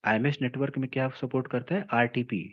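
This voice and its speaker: A man teaching a technical lecture. He explains slowly, mixes in English terms, repeats key phrases and checks in with his listeners often. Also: mid-range voice, fairly even intonation, dull audio. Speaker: telecom trainer.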